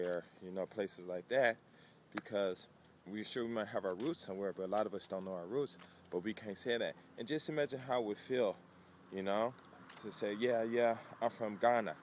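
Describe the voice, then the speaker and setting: Man, low voice, casual rambling vlog, faint outdoor street noise. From United States. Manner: conversational, rambling with many fillers. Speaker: vlogger. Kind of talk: casual talk to camera.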